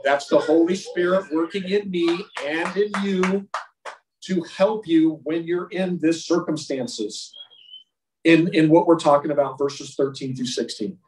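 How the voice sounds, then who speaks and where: A man's voice: fairly high pitch, measured pace, darkish tone, recorded from a distance. A man leading an informal Bible lesson for a men's group, talking emphatically and repeating words for stress. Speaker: men's Bible study leader. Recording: roomy sound from away from the mic.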